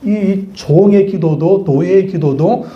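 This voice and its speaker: A woman's voice: lowish voice, unhurried, echoey room, highs cut off, voice pushed up, lightly acted. A male pastor voicing a desperate pregnant servant woman, plaintive and pleading. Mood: wondering.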